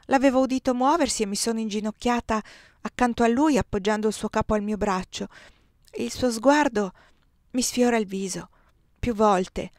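A woman reading a novel aloud in a measured, expressive narration. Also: on the high side, dry recording, clean studio sound. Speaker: audiobook reader.

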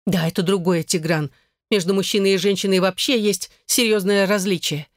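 A man's voice: sits high, steady tone, normal speed, no room sound, clean studio sound, voice pushed up, lightly acted. Man voicing a furious young wife. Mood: bitter. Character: angry young wife, shouting accusations.

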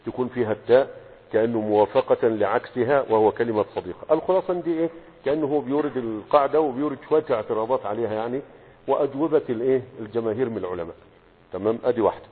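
A man's voice: mid-range voice, racing, slightly rough. A man with an Egyptian accent, a sheikh teaching a lesson on Arabic morphology. He explains a text, poses rhetorical questions and keeps checking that the class follows. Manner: asks rhetorical questions and checks understanding with "okay?". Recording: tinny lo-fi sound with long reverb.

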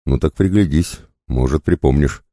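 Man playing a hoarse, terse male outlaw, growling and very deep, dark menace. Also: moderate pace, no room sound, clean studio sound. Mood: grim.

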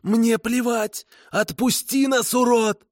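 A man's voice: extremely high pitch, fairly even intonation, slow pace, no room sound, studio quality, voice pushed up. A man voicing a desperate old female swamp spirit who shrieks and hisses. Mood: shrieking. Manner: shrieking and hissing.

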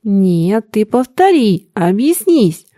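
A raised, slow-spoken voice of an excitable aging father, as a woman reader plays him, swinging between sly teasing and shrill hurt. He drags his words out in a close, dry take with no room sound around them. The delivery stays emotional and pressing. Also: dry recording. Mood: insistent.

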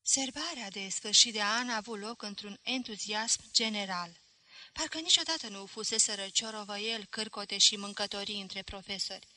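Bright-voiced woman reading a novel. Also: medium pitch, dry recording. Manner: measured, expressive reading. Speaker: audiobook reader. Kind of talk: literary audiobook narration.

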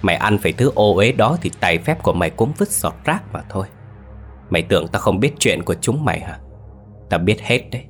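A man's voice: on the low side, lively intonation, brisk, faint music behind. A man voicing an enraged, vengeful old man. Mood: bitter. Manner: roaring, threatening.

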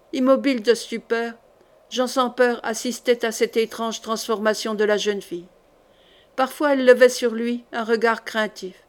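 A woman reading a historical novel aloud as an audiobook narrator, in a measured way, lightly voicing the dialogue. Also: a little high. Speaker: audiobook reader.

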